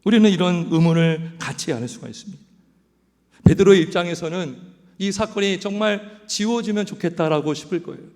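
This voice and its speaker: A man's voice: high-pitched, a little fast, big-room sound. A man preaching a sermon as pastor, quizzing his congregation and acting out quoted lines. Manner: animated preaching, asks the congregation questions; acts out quoted lines in other voices. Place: church sanctuary.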